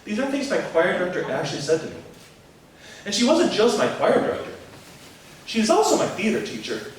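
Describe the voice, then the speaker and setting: In an echoey room with the mic far away and faint music playing, this man, a performer who also teaches music, gives an earnest, reflective storytelling monologue. His high voice swings hugely in pitch and moves briskly, over a bit of hiss or hum.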